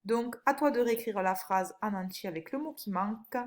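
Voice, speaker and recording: A woman, a primary school teacher, giving a recorded phonics lesson for young children, with slow, clear and encouraging instructions. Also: medium pitch. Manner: stretches out single words when reading them aloud.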